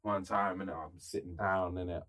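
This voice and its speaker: A man's voice: deep voice, moderate pace. A young man, telling stories in a casual, slang-heavy podcast chat and tagging his phrases with "innit". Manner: animated, slangy, tags nearly every phrase with "innit". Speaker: podcast co-host.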